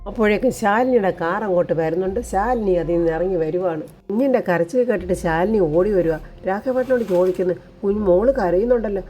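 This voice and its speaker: A woman narrating a TV serial episode recap in a plain, steady storytelling way. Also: mid-range voice, fast, few pauses, slight background noise.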